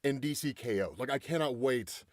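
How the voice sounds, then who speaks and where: A young man hosting a casual comic book commentary, animated and peppering his talk with "right?" and "like". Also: medium pitch, normal speed, no echo, studio quality. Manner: animated, uses "right?" and "like" a lot. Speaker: comic book video host.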